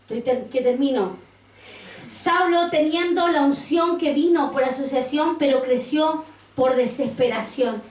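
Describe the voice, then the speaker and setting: A woman pastor preaches a sermon with a high, ringing voice. She reads scripture aloud and turns to the congregation with questions. The recording is roomy and distant, as if caught from across a church. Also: measured pace.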